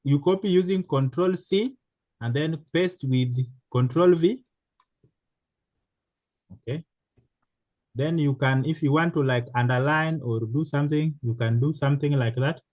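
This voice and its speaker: Slow, halting man teaching a class. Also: on the high side, a little mellow, no echo. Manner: slow, halting, many fillers and restarts. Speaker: programming teacher. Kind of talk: live online class instruction.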